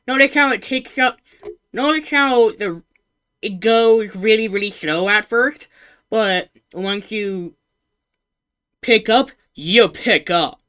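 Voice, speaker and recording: A woman VTuber giving casual live reaction commentary in a cute anime-streamer manner, excitable and informal, swearing and thinking out loud. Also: medium pitch.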